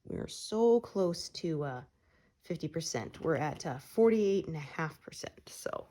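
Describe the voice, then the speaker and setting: A cross-stitch vlogger in middle age talks at a measured pace as she stitches, her low voice relaxed and wandering, peppered with "uh"s. She's getting over a cold and sounds a touch stuffy.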